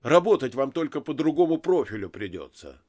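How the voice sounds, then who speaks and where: A man's voice: mid-range voice, very animated, brisk, a little mellow. A man voicing an insolent young captive who talks back to his captors. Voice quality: insolent, defiant.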